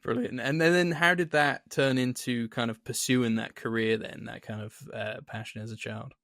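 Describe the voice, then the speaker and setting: A man's voice: mid-range voice, steady tone, normal speed, a bit bright, no echo, studio quality. A man hosting a film podcast, asking interview questions in a friendly way with short affirmations. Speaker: podcast host.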